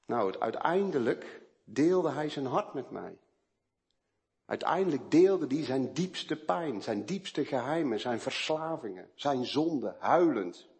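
A man preaching a sermon with personal testimony, swinging between hushed storytelling and emphatic outbursts. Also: medium pitch, lively intonation, slow.

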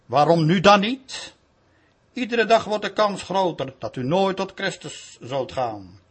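A man's voice: high voice, animated, a little slow, slightly rough. A man preaching a sermon in a solemn, pleading manner.

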